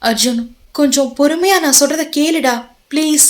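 A woman's voice: high voice, moderate pace, voice pushed up, natural voice. A woman voicing a guilt-ridden young woman who pleads tearfully in an audio novel. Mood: pleading.

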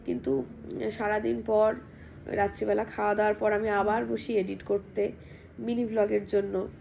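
A woman vlogger, hoarse from a cold, chatting casually at home and reading out viewer comments. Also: medium pitch, level tone, normal speed, mellow, a little hiss or hum. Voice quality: husky, gravelly.

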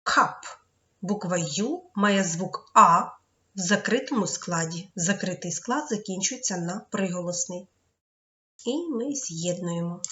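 Woman, children's teacher, slow and patient, muffled lo-fi sound. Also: on the low side, lively intonation, a bit bright. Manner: slow, patient, spells out syllables. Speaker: English teacher. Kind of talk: children's lesson.

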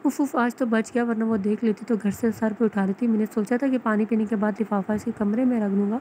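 A woman reading the lines of a stern, reserved young man in a romance novel, quiet and curt. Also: a little high, fairly even intonation, fairly quick, a little hiss or hum, close to an everyday voice.

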